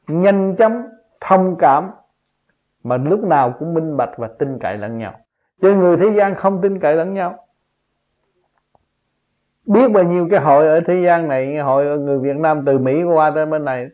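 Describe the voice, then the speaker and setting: A man giving a spontaneous religious teaching, emphatic and full of rhetorical questions, his voice jumping up on key points. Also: on the high side. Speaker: spiritual teacher. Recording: dull lo-fi recording.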